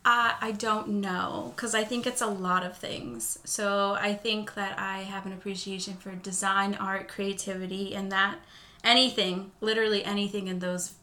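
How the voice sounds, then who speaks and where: A woman guest talks casually on a podcast. Her voice sits at an average pitch and has a very bright, forward edge. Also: level tone, normal speed. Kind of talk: casual chat.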